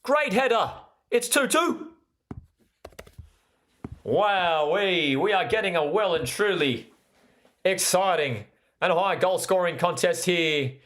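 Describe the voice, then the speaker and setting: An Australian man with a high, fairly bright voice and lively intonation hosts a live football watchalong, speaking slowly and pausing often. He enthusiastically comments on play and chats with viewers, repeating phrases for emphasis.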